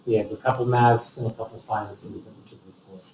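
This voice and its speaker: A man's voice: fairly low pitch, level tone, a little fast, a little mellow, a little hiss or hum. A man in a committee meeting discussion, leading the agenda and thinking aloud with frequent restarts. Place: meeting room. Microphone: distant room mic. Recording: dull, echoey meeting room from far off.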